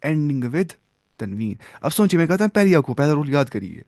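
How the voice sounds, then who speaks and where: A man's voice: fairly high pitch, sing-song, normal speed, darkish tone, no room sound, studio quality. A man teaching an Arabic grammar lesson, who asks questions and answers them himself, mixes in English terms, and encourages his students. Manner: reassuring, encouraging tone.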